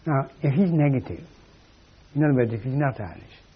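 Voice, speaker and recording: A man's voice: medium pitch, lively intonation, a little fast, noisy background. A man giving a philosophical lecture in a wry, emphatic way, on a dull lo-fi recording. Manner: wry, emphatic, acts out quoted voices.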